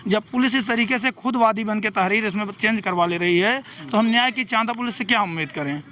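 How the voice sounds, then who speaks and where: High bright-voiced man making a formal demand. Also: fairly quick, a little hiss or hum. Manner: formal, demanding, lists legal sections. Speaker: advocate and local election candidate. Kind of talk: on-the-spot statement to a reporter.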